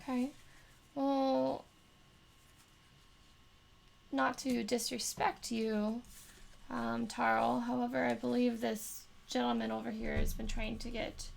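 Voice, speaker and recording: A woman takes part in a tabletop game, asking curious, polite questions and speaking formally in character. Her voice is fairly high, with a strong gravelly fry, and stays flat in pitch. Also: slow pace, pauses often. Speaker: player.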